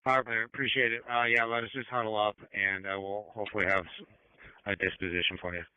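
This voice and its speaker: A man's voice: on the low side, flat delivery, fast, smooth, no echo, phone-quality sound. A man in informal conversation over a two-way radio. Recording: band-limited scanner radio, dry.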